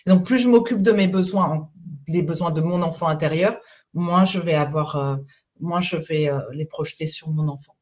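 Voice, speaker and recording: The lo-fi recording captures a woman parenting coach talking on a live stream, low-pitched and at a moderate pace. She's calm and patient, pausing often to check in with viewers.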